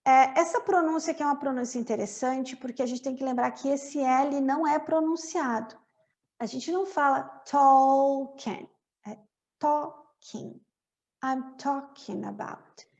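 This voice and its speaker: A woman with a Brazilian Portuguese accent, teaching English by explaining film lines and repeating phrases slowly and deliberately. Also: sits high, creaky, darkish tone.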